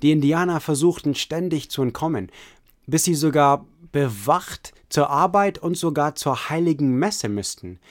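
Man, history narrator, second-person storytelling, earnest, a bit high. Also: expressive, moderate pace. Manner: earnest storytelling, addresses listener as you.

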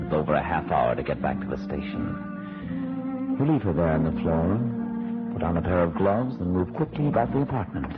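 An actor narrating a radio mystery play in slow, brooding second person. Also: male voice, low-pitched. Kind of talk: 1940s radio acting. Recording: lo-fi old radio broadcast recording.

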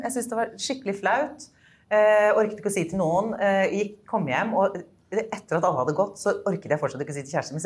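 A woman co-hosting a podcast, chatting casually and laughing often as she tells a personal story. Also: fairly low pitch. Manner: laughs often, animated and self-deprecating. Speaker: podcast co-host. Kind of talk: casual chat.

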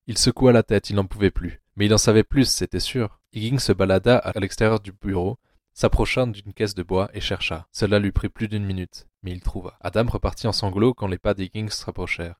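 As narrator of a dark audio novel adaptation, a man reads a scripted audiobook in a very low voice, his delivery measured and grim. The recording is dry and close, with no room sound.

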